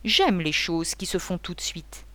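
A woman's voice: lowish voice, animated, a little slow, bright, forceful tone, no echo. A woman voicing a boisterous, talkative male painter who rambles and gives orders in a mocking tone. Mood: chattering, bossy.

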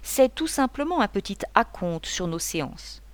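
A woman's voice: medium pitch, big pitch swings, moderate pace, no room sound, close to an everyday voice. A woman voicing a boisterous, talkative male painter who rambles and gives orders in a mocking tone. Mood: chattering, bossy.

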